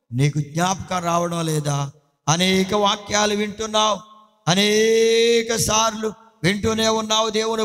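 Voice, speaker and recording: High-voiced pastor preaching emphatically. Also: male voice, a bit bright. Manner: emphatic, repeatedly addressing listeners directly. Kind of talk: sermon. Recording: long hall reverb.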